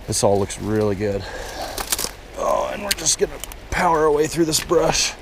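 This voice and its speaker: Excitable man vlogging by a stream. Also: on the high side, normal speed. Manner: excitable, talks straight to viewers. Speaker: fishing vlogger. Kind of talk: casual outdoor vlog narration. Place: outdoors by a mountain stream. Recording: outdoor footage with steady stream noise.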